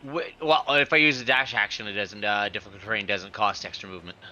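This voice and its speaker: A man's voice: fairly low pitch, steady tone, fast, pushed and bright, muffled recording, soft background music. A man talking casually as a player in a tabletop role-playing game.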